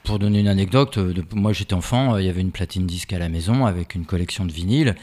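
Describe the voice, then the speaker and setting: A half-Norwegian, half-French man, a musician, answering interview questions in a relaxed way with many fillers. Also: sits low, quick pace. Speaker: musician, guest.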